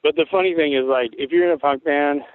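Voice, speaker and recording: A guest musician in his forties from Tacoma, Washington, tells rambling, laid-back stories with frequent swearing during a casual interview. His rough, worn voice sits on the high side, with a steady tone and a quick pace. The recording is dry and comes through a tinny, phone-like line.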